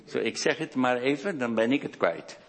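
A man's voice: mid-range voice, expressive. Man preaching in a reverberant hall. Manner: slow, deliberate delivery with hesitations and restarts. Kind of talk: sermon.

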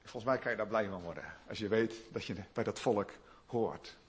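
A man preaching a sermon, building to loud emphatic peaks and dropping back to quiet asides. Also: brisk, a little hiss or hum. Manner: lively, rising to loud emphatic peaks then dropping low.

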